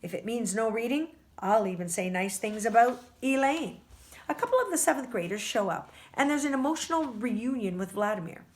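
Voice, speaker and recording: Expressive woman reading a novel aloud. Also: a little high, a little fast. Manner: expressive, stumbles over words. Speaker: book club reader.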